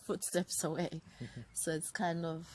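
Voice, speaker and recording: A Zambian woman in her thirties, a writer and producer, looks back on her childhood in a relaxed interview. Her voice is low and slow, and she speaks reflectively, rattling off long strings of names over slight background noise.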